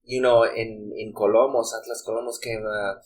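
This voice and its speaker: A man's voice: on the low side, level tone, moderate pace, darkish tone. Mexican man chatting in English. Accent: Mexican Spanish. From Guadalajara, Mexico. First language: Spanish. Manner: rambling, repeats words while searching. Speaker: guest DJ. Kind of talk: casual chat.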